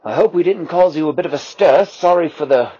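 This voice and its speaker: A man's voice: on the high side, brisk, mellow, husky, no echo, voice pushed up. A man doing Captain Barnacles, commanding cartoon captain. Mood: polite. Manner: urgent commands. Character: commanding male ship captain, decisive. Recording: lo-fi, dull.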